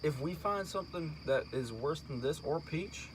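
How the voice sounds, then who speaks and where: A man's voice: fairly high pitch, animated, normal speed, rough recording. A young man with chewing tobacco in his lip and braces, chatting casually and profanely as an amateur reviewer. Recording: amateur recording, faint insect-like noise.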